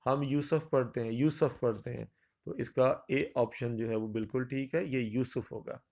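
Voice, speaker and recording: A male Urdu teacher giving an exam revision lecture, repeating each answer option slowly and addressing his dear students. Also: mid-range voice, fairly even intonation, darkish tone.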